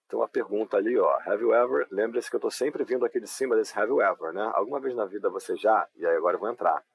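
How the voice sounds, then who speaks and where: A man with a Brazilian Portuguese accent leads a live online English lesson. His voice sits fairly low and has a husky edge. He explains step by step in a patient, unhurried way and keeps checking that the class is following him. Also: rough recording. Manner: patient, explanatory, frequent tag questions. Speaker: English teacher.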